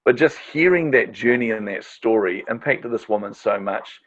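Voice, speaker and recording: A man's voice: fairly low pitch, animated, normal speed. A middle-aged man, a podcast host and marketing strategist, telling stories as a guest in a casual interview, enthusiastic and chatty with frequent fillers. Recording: dull lo-fi audio.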